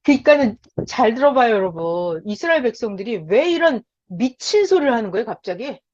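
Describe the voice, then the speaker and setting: A woman preaching a sermon in an animated way, often asking her listeners direct questions. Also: a little high, brisk. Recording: dull lo-fi sound.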